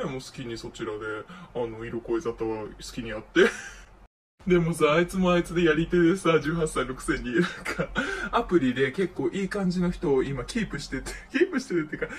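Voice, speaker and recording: A young man telling a gossipy story in a feminine speaking style, acting out his friends' lines with flair. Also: a little high. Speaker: vlogger. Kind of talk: casual storytelling monologue. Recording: faint noise, distant from mic.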